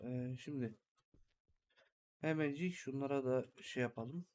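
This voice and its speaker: A man's voice: mid-range voice, unhurried, a little mellow. A young man hosting a gaming channel, giving rambling, think-aloud commentary while he builds in a farming game.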